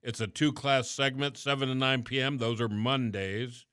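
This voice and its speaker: A chatty middle-aged man hosting a radio show, his voice bright and forward. He talks casually and lets sentences fade at the ends. The sound is close and dry. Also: medium pitch, moderate pace, clear, resonant tone, dry recording. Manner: chatty, relaxed, trailing off at phrase ends. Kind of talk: casual radio talk and interview.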